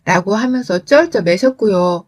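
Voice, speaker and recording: A woman telling a first-person family story as scripted narration, in an even, reflective tone. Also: medium pitch, moderate pace.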